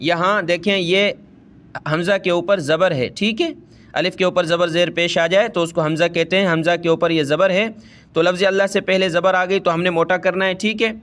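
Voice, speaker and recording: Guy teaching quran reading, high clear voice, flat delivery, rattles off rules then chants slow. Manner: explains fast, then recites slowly and drawn out. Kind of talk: step-by-step recitation lesson.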